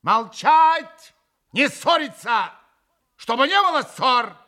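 A man's voice: sits high, lively intonation, slow pace, voice pushed up, heavily acted. A man doing a proud, hot-tempered young woman. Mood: imperious, scolding. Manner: sharp, scolding, commanding.

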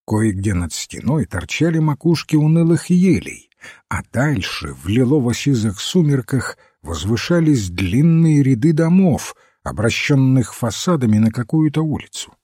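A man reading a detective story aloud in measured, even narration. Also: mid-range voice, slightly rough, no room sound, studio quality. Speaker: audiobook reader.

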